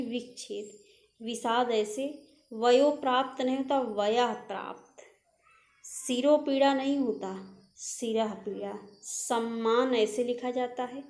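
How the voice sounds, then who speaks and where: A woman teaching an exam-prep lesson on correct spelling. She drills pairs of words, correcting the wrong forms, and repeats each word slowly and deliberately, asking the class questions as she goes. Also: fairly high pitch, darkish tone, roomy sound. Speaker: Hindi teacher.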